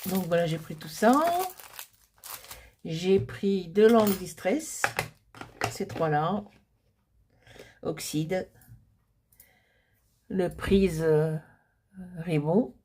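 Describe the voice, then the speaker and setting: A middle-aged woman crafter talking casually through a paper-crafting project, chatty and hesitant, with many pauses and fillers. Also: fairly low pitch, mellow, a little hiss or hum.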